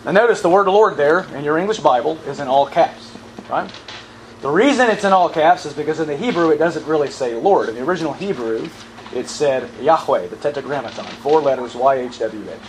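Man, Bible teacher, sermon delivery, fairly high voice, emphatic questions, faint room noise. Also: expressive, fairly quick, low-quality recording. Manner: emphatic, asks the audience questions and repeats verses.

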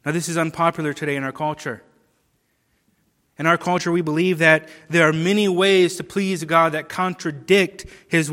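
A man preaching an expository sermon, slow and deliberate, with emphatic rises and falls. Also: high voice, a bit bright, big-room sound.

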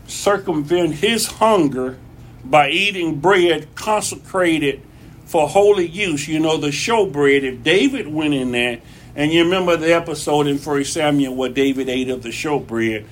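A man's voice: a little high, fairly bright tone, slight background noise. A man preaching a conversational sermon in his church, folksy and repeating phrases for emphasis. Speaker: pastor.

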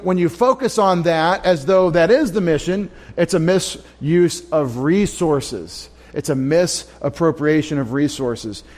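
A male pastor delivering a Bible study sermon, voice pitched a little higher than most men's. He talks in an emphatic way, often repeating a line for weight and correcting himself mid-phrase. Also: darkish tone. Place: church.

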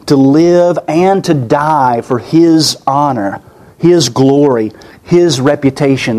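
A man's voice: on the high side, darkish tone. A man preaching a sermon in an earnest way, often repeating and restarting his words, his voice weak and worn.

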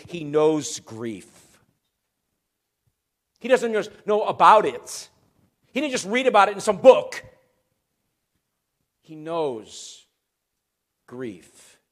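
A male pastor preaching a sermon, swinging between loud emphatic rises and quiet, dropped phrases. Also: fairly high pitch.

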